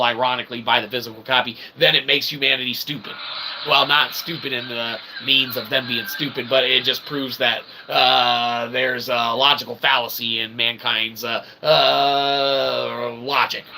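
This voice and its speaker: There's background noise behind this creaky, mid-range male voice. The speaker, an independent author and channel host, delivers an opinionated, meandering monologue alone, ranting emphatically, swearing casually, and dropping frequent "okay?" and "right?" tags.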